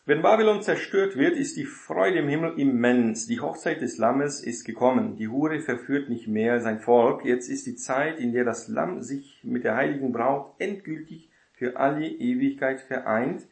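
Man, bible teacher, casual lecture, chatty, mid pitch, echoey room. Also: moderate pace, creaky, few pauses. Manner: chatty, often adds tag question "ne?".

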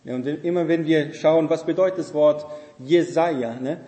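Bible class teacher: a man with a higher, mellow voice, explanatory and checking in with the group, recorded in a reverberant hall. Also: normal speed. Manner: explanatory, keeps asking listeners "ne?" and "versteht ihr?".

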